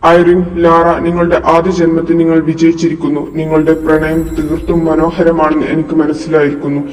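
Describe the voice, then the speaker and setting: A man's voice: fairly high pitch, monotone, brisk, close to an everyday voice. A man doing a solemn commanding lord. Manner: formal, pronouncing judgment. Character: solemn, commanding male lord of another world. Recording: echoey room with long reverb, from far off, music behind.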